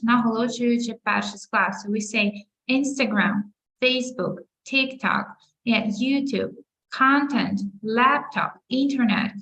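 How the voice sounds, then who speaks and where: Young female teacher, Ukrainian accent, bilingual webinar lesson, patient clear explainer. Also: a little high, rough recording. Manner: explains clearly, switches between two languages. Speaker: English teacher.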